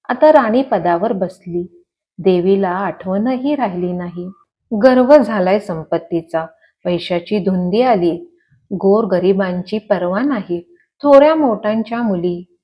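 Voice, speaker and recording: A woman's voice: medium pitch, natural voice. A woman voicing a poor, proud old woman who scolds bitterly, on a dull lo-fi recording.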